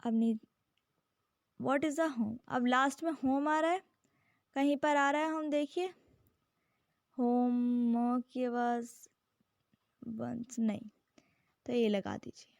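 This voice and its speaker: A woman's voice: sits high, gravelly, no room sound, studio quality. A woman teacher explaining rhyming words in a poem, patient and repetitive, checking in with "okay" again and again. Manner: slow, patient, repeats words and "ठीक है" often; reads English definitions very slowly. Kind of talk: classroom-style lesson explaining a poem.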